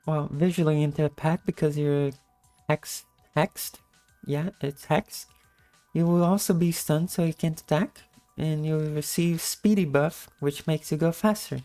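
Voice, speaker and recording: A woman with a low-energy, just-woke-up morning voice giving a casual gameplay tutorial in commentary style. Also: a little slow, warm tone, faint music behind. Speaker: video game guide narrator.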